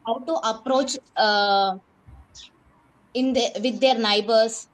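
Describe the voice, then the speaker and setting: Slow, careful Indian woman teacher. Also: on the high side, fairly even intonation, poor audio. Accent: Indian English. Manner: careful, hesitant, with fillers. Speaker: teacher practicing English.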